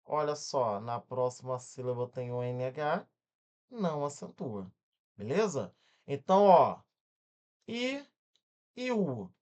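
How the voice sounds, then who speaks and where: A man with a Brazilian accent teaching an exam-prep grammar lesson, energetic and constantly checking in with quick questions while he spells words out syllable by syllable. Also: mid-range voice. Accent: Brazilian Portuguese.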